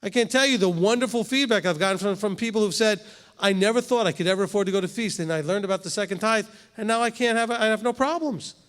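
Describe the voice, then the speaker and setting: A rabbi in his fifties speaks fast in a high, fairly bright voice that carries through a large congregation hall. He leads Torah study in a conversational manner, often pausing to ask "okay?"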